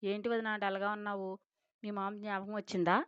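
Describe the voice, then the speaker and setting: A woman's voice: mid-range voice, flat delivery, fairly quick, clear, resonant tone, no echo, close to an everyday voice. A woman voicing a frank, affectionate young woman who is the family's daughter and sister-in-law, in a storybook reading. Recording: dull lo-fi dry recording.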